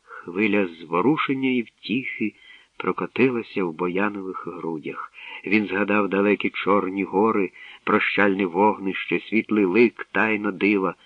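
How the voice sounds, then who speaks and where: A man narrating an audiobook in a measured, expressive reading. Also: low voice, no room sound, distant mic. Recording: dull dry studio recording.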